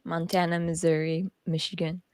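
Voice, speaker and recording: A woman's voice: on the low side, little pitch movement, normal speed, darkish tone, no echo, studio quality. A woman co-hosting a casual talk show, giggling between phrases, her voice still worn from a recent cough. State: recovering from a cough, voice not fully back. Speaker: podcast co-host. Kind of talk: casual chat.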